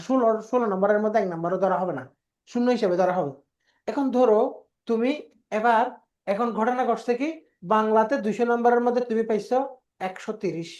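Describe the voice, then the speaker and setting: A woman's voice: fairly high pitch, a little mellow. Woman teacher lecturing patiently. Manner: explains patiently, repeats key words, poses questions and answers them. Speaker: exam prep teacher. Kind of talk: classroom lecture.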